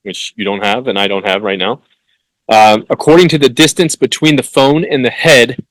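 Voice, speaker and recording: A man hosts his own solo podcast, stumbling through read passages with fillers and restarts. He breaks off into blunt, hectoring asides, even swearing at listeners. His voice sits at a middling pitch, recorded dry and close with no room sound. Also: no echo, low-quality recording. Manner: reads text haltingly with fillers and restarts. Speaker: podcast host. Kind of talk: solo podcast, reading and commenting.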